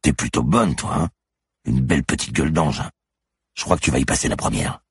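A man's voice: a bass voice, animated, fairly quick, breathy edge, heavily acted. A man voicing a brutal male attacker who talks in a crude, sneering way.

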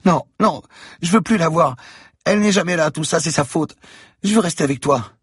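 A man's voice: normal speed, breathy edge, dry recording, clean studio sound. A man voicing an eerie, manipulative little girl in an audiobook reading, pleading and threatening. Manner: pleading and threatening in a high childish voice.

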